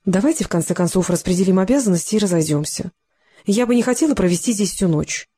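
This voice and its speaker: A small, composed blonde woman of forty speaks evenly and without fuss, as an audiobook reader puts her on. Her voice sits at a middling pitch. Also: fast talker, husky, no room sound. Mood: impatient. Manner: level, even.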